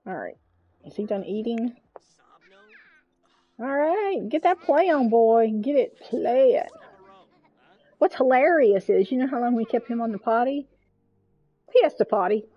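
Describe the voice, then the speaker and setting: A woman's voice: on the high side, animated, measured pace, long pauses, breathy edge, dull audio. A woman streaming a game, chatting casually and coaxing her game characters, with mild swearing. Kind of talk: casual gameplay commentary.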